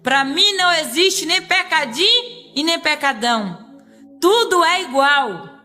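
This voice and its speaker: A woman's voice: sits high, animated, sharp tone, soft background music, heavily acted. A woman voicing a grave, stern Jesus. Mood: solemn. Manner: slow, grave pronouncements. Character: solemn adult male Jesus, stern and calm.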